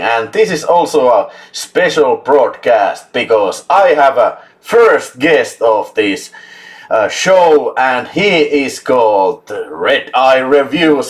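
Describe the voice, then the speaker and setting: A man from Finland with a Finnish accent, hosting a casual live chat, enthusiastic, laughing often and swearing for emphasis. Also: medium pitch. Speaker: host.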